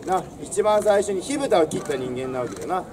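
Outdoors before a castle stone wall, a young man projects a theatrical history lesson in old samurai speech with a swaggering, declamatory storyteller's flair. His voice sits high and sounds animated and brisk. The mic is distant, catching crowd, birds and traffic.

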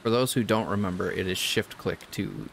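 A man's voice: fairly low pitch, normal speed, creaky. A man hosting a casual gaming stream, joking with friends and greeting chat viewers. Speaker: streamer host. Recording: noisy stream mix.

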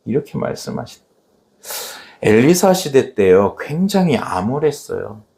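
A male pastor delivers a church sermon with a voice that swings high and low. He acts out the scripture scenes dramatically, shouting some lines and dropping to a hush on others. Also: unhurried, gravelly. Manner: animated preaching, dramatically acting out scripture quotes.

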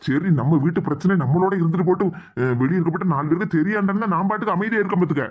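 A hot-tempered cartoon father-in-law, voiced by a performer, barks orders in a Tirunelveli Tamil accent. He talks fast, and the sound is dull and lo-fi. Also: mid-range voice, close to an everyday voice. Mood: angry. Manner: scolding, shouting orders.

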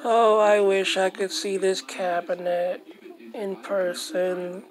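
A woman hosting a retro game video, musing casually over old footage and clearing her throat now and then. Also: medium pitch, level tone, takes it slowly, poor audio.

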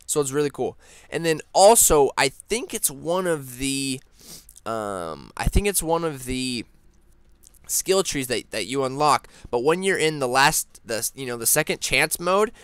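A young man hosting a casual gaming news vlog, rambling excitedly with lots of fillers and restarts. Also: mid-range voice, unhurried, smooth, no echo. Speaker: gaming channel host.

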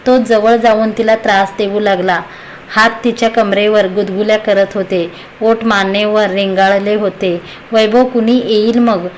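A woman's voice: medium pitch, a little slow, slight background noise, rough recording. Woman reading a story aloud. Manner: steady, even reading aloud. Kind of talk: scripted story narration.

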